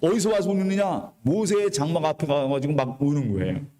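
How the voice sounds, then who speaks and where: A male pastor preaching a sermon, retelling the story in a lively, colloquial way and leading the congregation to repeat phrases after him. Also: fairly high pitch, fairly quick, big-room sound. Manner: preaching with call-and-response to the congregation. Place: church sanctuary.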